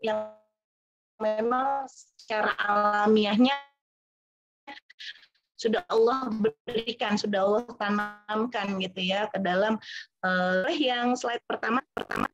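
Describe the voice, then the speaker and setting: A woman teaching an online religious study class, her voice breaking up and turning robotic over a bad video-call connection, speaking gently with many fillers. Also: mid-range voice, fairly even intonation, slow, long pauses, music in the background. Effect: choppy video-call audio that keeps cutting out and sounds robotic. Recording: dull, lo-fi video-call audio.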